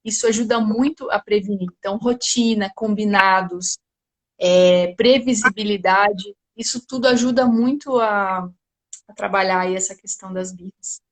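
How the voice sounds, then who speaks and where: A woman's voice: medium pitch, normal speed. A woman speaking at home in a live talk as a parenting guest, often ending phrases with "né?". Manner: tags sentences often with 'né?'. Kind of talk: casual explanation in a live talk.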